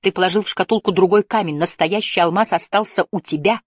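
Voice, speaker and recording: A woman's voice: mid-range voice, quick pace, slightly rough, dry recording, clean studio sound, voice pushed up, lightly acted. A woman voicing a teenage boy hero, heated and accusing, his voice trembling. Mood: furious.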